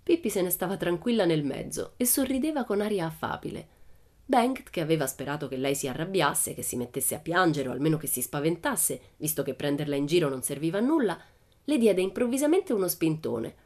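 A woman reading a children's storybook aloud with expressive narration. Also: low voice, brisk. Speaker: audiobook reader.

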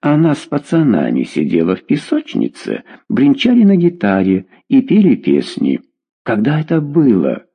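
A man reading a story aloud, voicing a nosy, sharp-eyed old woman neighbor who boasts about herself. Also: mid-range voice, huge pitch swings, moderate pace, breathy edge, exaggerated voice. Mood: telling. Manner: fussy, boastful.

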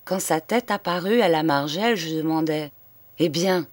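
A woman reading a literary short story aloud in a measured, grave storytelling manner. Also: deep voice, no room sound. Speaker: audiobook reader. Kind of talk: literary audiobook narration.

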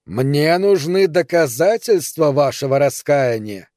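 A man's voice: expressive, dry recording, studio quality. A man voicing the sneering villain Faust. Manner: slow, sneering, shrill when shouting. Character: cruel mocking male witch-hunter villain, commanding. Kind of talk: audiobook character reading.

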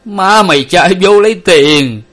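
A man's voice: high-pitched, lively intonation, measured pace, a bit bright, pitched above the performer's own voice. A man doing a choked, grieving old father. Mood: frantic lament. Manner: choked, lamenting, rambling. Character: grief-stricken older father, dazed and lamenting.

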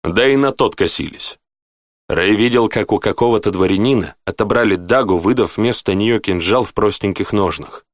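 A man's voice: moderate pace, no room sound, studio quality. A man reading an audiobook aloud, narrating the story and voicing its characters in turn by lifting his voice for their lines. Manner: shifts pitch up for dialogue characters.

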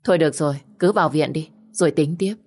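A woman voicing a calm, kind young man who briskly takes charge of getting a sick man to hospital. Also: sits low. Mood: practical.

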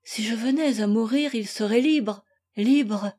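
A woman's voice: fairly high pitch, unhurried, mellow. A woman reading an audiobook, voicing an anguished young wife who pleads in tearful prayer. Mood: despairing.

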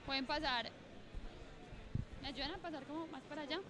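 High, bright-voiced woman leading a workshop. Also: a little fast. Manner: chatty, repeats instructions, laughs at herself. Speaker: workshop facilitator. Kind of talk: guiding a group writing exercise. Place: outdoor park. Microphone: handheld mic, often held away.

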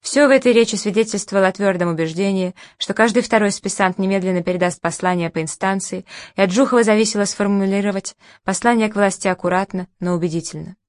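A woman narrating an audiobook in an ironic, even storytelling manner. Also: medium pitch, fast talker, no echo, clean studio sound.

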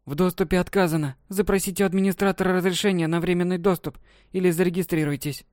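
A man's voice: high voice, fairly even intonation, quick pace, darkish tone, no echo, clean studio sound, voice pushed up, lightly acted. A man narrating a story and voicing a young girl who speaks like a stiff metallic robot making machine announcements. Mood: mechanical. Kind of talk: audiobook narration with character voices.

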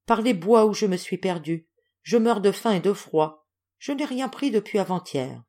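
A man's voice: sits high, expressive, moderate pace, a little mellow. A woman reading aloud as a starving, exhausted man who pleads in a weak, faltering voice. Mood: pleading. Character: starving exhausted stranger, a lost prince.

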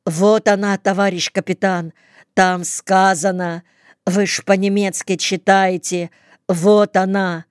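A woman voicing a desperate young male soldier who shouts and pleads in bursts, in an audiobook. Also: medium pitch, level tone, takes it slowly, clean tone, no room sound, studio quality, natural voice. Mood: stammering pleading.

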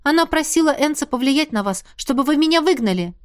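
A woman voicing a bold, impulsive young female student mage who talks back quickly. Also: high voice, lively intonation, pitched above the performer's own voice. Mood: indignant.

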